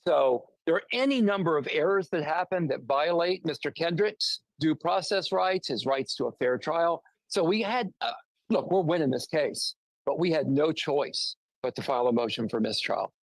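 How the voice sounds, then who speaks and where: A man's voice: fairly high pitch, expressive, moderate pace, no room sound, poor audio. A man speaking as a defense attorney in a remote news interview, arguing emphatically and posing rhetorical questions. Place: near a road with passing traffic.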